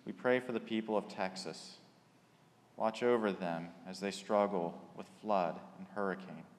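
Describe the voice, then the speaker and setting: A man leading liturgical prayers in a slow, measured way, his voice carried by a long cathedral-like echo in a large church. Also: low-pitched, steady tone. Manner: slow, measured litany delivery. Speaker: worship leader. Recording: reverberant church hall.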